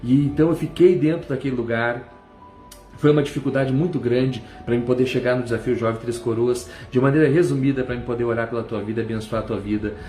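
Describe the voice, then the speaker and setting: A man's voice: medium pitch, steady tone, fast, dark tone. A middle-aged man from Brazil, giving a fervent church testimony and breaking into cries of praise. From southern Brazil. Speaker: testimony speaker. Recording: echoey room with faint music.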